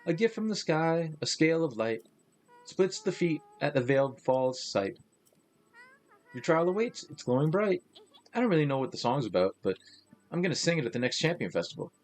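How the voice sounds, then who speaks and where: A man's voice: mid-range voice, very animated, rapid-fire, husky. A man reading out the lines of a chirpy young Zora girl from a game, in a sing-song, gushing way. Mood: chatty. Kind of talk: reading game dialogue aloud.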